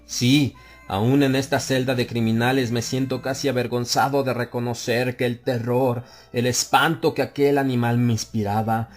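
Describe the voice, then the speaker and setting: Reading a horror story aloud for an audiobook, a man uses a mid-range voice. His delivery is slow, brooding, and confessional, swelling at times into anguished outcries.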